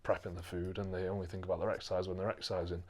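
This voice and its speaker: A man's voice: sits low, little pitch movement, racing. A man with a Stoke accent, hosting a fitness podcast in casual, chatty talk that swears and restarts phrases. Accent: Stoke-on-Trent. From England. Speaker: podcast host, fitness coach. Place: podcast studio.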